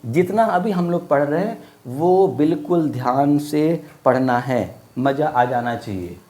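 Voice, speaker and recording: A man's voice: on the high side, lively intonation, unhurried, mellow. A man teaching a Hindi grammar lesson in a casual, friendly manner, asking questions and repeating words for drill. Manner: casual, friendly classroom talk. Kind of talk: online class lesson.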